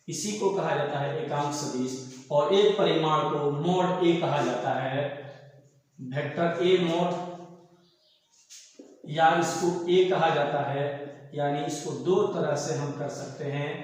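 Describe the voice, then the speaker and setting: A man teaching a physics class, repeating each point and asking it back to the students as a question. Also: fairly high pitch. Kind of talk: classroom lecture. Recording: echoey room with long reverb.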